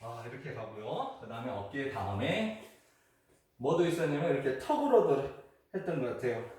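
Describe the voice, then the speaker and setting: A man's voice: medium pitch, very animated, moderate pace, darkish tone. A man casually explaining and acting out the steps of a traditional game, with frequent exclamations as he moves. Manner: chatty step-by-step instructions, frequent exclamations while moving. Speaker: host demonstrating a traditional Korean game. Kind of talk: unedited casual demonstration. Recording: echoey, distant camera audio with faint noise.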